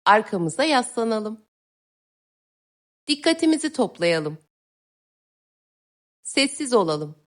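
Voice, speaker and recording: A woman teacher reading a story aloud to young pupils in a clear, expressive way. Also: a little high. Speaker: teacher reading a listening text. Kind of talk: children's story narration.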